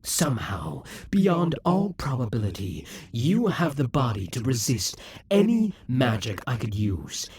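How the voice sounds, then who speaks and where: Heavily acting the part, a man voices an ages-old, haughty demon king bent on revenge in an audio drama. His deeply husky, breathy delivery is slow and theatrical, rising and falling in a lively way before sinking into hissing whispers, and his mood is incredulous.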